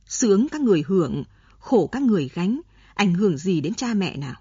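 Woman narrator playing a stern, sharp-tongued older mother from a storybook; mellow, husky voice, dull dry recording. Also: mid-range voice, very animated, normal speed, no echo. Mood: exasperated. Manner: sharp, scolding. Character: stern proud older mother, quick to scold.

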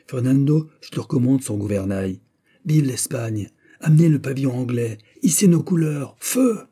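A man voicing a ship captain shouting orders in the heat of a sea battle, in a storybook reading. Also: mid-range voice, normal speed, slightly rough, voice pushed up, natural voice. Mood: commanding. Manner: barking orders.

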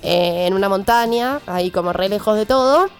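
A young woman with a Rioplatense Spanish accent, a film columnist on a casual radio show, telling a story with animated energy and frequent laughs. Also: medium pitch, moderate pace.

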